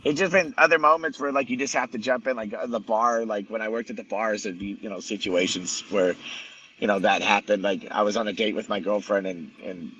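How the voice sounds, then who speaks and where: A man's voice: on the low side, steady tone, a little fast, bright, forceful tone, highs cut off, a little hiss or hum. A man guest telling a story in casual conversation, blunt and profane, rambling with many restarts. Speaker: podcast guest.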